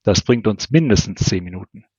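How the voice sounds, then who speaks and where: Ein Mann, der einen tatendurstigen Teenager-Jungen voller Pläne liest. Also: male voice, on the low side, animated, fairly quick, dark tone, husky, no room sound, lo-fi sound. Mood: eager. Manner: eager. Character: eager teenage boy, full of plans.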